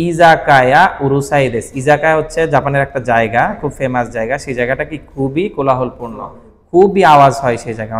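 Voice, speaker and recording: A man's voice: medium pitch, long reverb tail. A man whose first language is Bengali teaches Japanese vocabulary in a patient classroom style, often checking that the listener follows.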